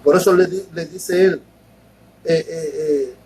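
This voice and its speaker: A male pastor delivering a sermon in a high, husky voice. He explains patiently, stumbles and repeats words, and often turns to his listeners to ask if they follow him. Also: darkish tone, poor audio. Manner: explains slowly, repeats words and keeps asking ¿verdad?.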